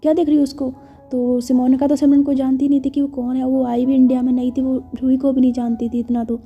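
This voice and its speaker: A woman's voice: high-pitched, flat delivery, fast talker, lo-fi sound, faint music behind. A woman storyteller retelling a love story in a chatty, casual way, explaining each gesture.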